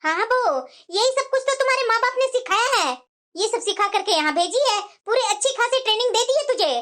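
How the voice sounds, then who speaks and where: A woman voicing a sharp-tongued, bossy mother-in-law in a cartoon, speaking in a mocking, scolding tone. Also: very high-pitched, animated, a little fast. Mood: taunting. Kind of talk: cartoon voice acting.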